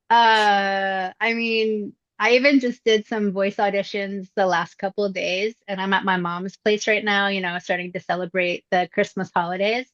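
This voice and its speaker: Interviewed indoors at her mother's home, a middle-aged voice actress whose mid-range voice still sounds youthful reflects in a relaxed way and often pauses on fillers. The close, dry recording has no room sound and a slightly dull, lo-fi tone.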